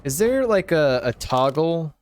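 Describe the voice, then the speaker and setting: A man's voice: on the high side, big pitch swings, measured pace, darkish tone. A man giving casual commentary as he plays through a video game. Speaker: gamer commentating a playthrough. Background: game music.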